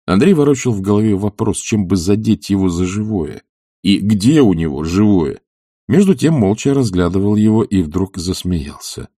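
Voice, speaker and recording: A man narrating a classic novel as an audiobook, with a measured, expressive reading. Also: lowish voice, husky, dry recording, clean studio sound.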